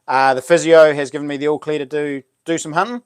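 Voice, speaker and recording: A man's voice: a little high, steady tone, quick pace, smooth, no room sound, studio quality. A man with a broad New Zealand accent chatting casually as a livestream host, full of laid-back, matey Kiwi slang. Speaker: live stream host. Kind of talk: casual livestream chat, reading out comments.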